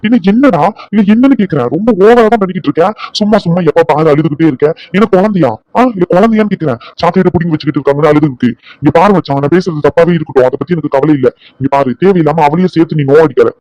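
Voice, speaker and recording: Man voicing a bossy doctor buddy in a cartoon, fast teasing scolds, dull dry recording. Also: a little high, mellow, no room sound, close to an everyday voice. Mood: lecturing. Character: blunt young male doctor friend, scolding. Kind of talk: cartoon drama voice-over.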